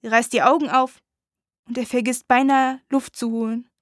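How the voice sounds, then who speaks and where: High-voiced woman reading a dark story. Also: little pitch movement, normal speed, no room sound, clean studio sound. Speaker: audiobook narrator. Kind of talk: first-person dramatic audiobook reading.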